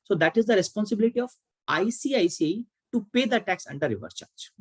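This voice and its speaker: A man's voice: high-pitched, animated, fast talker, dry recording, low-quality recording. A man with an Indian English accent giving an online tax lecture, asking and answering his own questions and repeating key points. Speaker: tax educator.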